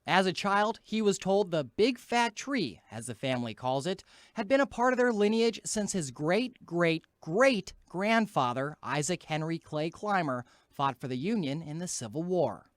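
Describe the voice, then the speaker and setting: A young man reporting the news for local television, in a crisp, upbeat broadcast delivery. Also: high voice, lively intonation, normal speed, dry recording. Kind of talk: news reporting and live stand-ups.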